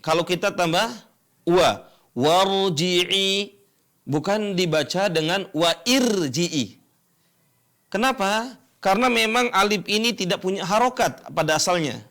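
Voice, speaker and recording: A man teaching Quran recitation rules step by step, asking and answering his own questions and chanting examples slowly. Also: sits high, lively intonation, a bit bright. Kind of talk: educational lesson explaining tajwid rules.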